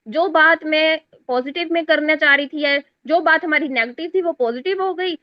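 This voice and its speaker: A woman's voice: sits high, no room sound. A woman, teaching a class on Quran recitation and explaining exam answers step by step while she checks that her students follow. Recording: dry, dull lo-fi sound.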